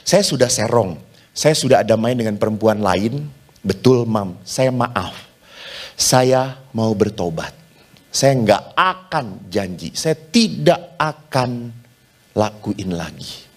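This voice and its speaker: A man's voice: lowish voice, lively intonation, slow pace, husky, pitched below the performer's own voice, heavily acted. A man playing a meek, guilty husband. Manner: meek, apologetic. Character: guilty husband meekly confessing to his wife.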